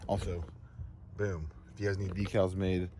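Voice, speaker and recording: A man vlogging his truck work outdoors, rambling casually with lots of fillers and throat clearing. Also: low-pitched, flat delivery, normal speed, mellow, slight background noise. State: out of breath. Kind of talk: casual DIY vlog.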